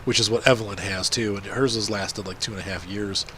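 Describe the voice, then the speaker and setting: A man's voice: on the low side, steady tone, brisk, bright, forceful tone, slight background noise. A man with a congested, blocked-up nose giving casual, rambling gameplay commentary as a video host. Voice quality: congested, blocked nose, nasal stuffy sound.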